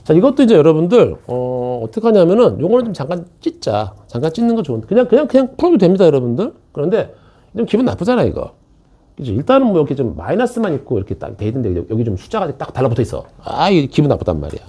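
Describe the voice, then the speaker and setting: Husky, lively male math teacher. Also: on the high side, fast talker. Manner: chatty, jokes with students, keeps checking in. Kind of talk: classroom lecture. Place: classroom.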